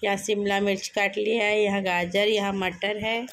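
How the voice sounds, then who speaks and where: A woman's voice: medium pitch, little pitch movement, moderate pace, low-quality recording. A woman in her thirties chatting casually in a home vlog, coaxing her children and laughing often. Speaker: vlogger and mother.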